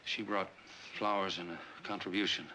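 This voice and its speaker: An evasive, flustered priest in a classic TV western. His low voice is gravelly, and he stammers apologetically. The old soundtrack carries a faint noise. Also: little pitch movement, moderate pace, pushed and bright, exaggerated voice, poor audio. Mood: nervous. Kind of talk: 1960s television western acting.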